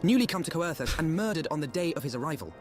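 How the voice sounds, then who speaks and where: A man's voice: a little high, big pitch swings, fast talker, a little mellow, soft background music. An actor playing an earnest young male scholar diplomat who speaks in formal, archaic game dialogue. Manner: formal, eloquent, archaic phrasing. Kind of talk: game voice acting.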